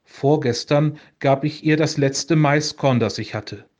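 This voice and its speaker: A man's voice: on the high side, unhurried, darkish tone, natural voice. A man reading the lines of a hungry, anxious young boy in a spoken storybook legend. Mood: earnest.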